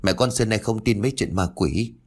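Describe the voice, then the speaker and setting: A man's voice: fairly low pitch, brisk, slightly rough. A man voicing a polite, worried young son in a story. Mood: pleading.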